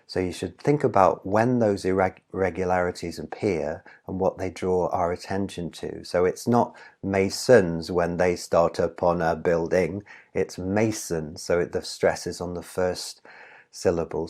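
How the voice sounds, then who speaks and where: Guy with a deep voice doing a chill intro lecture on reading poems, asks you questions, says um a bit. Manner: explanatory, asks the viewer rhetorical questions; relaxed with occasional "um" fillers. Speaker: literature professor.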